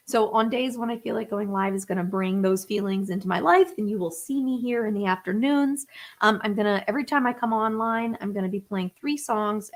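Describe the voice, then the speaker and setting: A woman's voice: mid-range voice, creaky. A woman in her thirties chatting casually on a live stream, thinking aloud with fillers and restarts. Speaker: singer-songwriter livestream host. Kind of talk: casual livestream chat. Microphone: webcam or phone on a live stream.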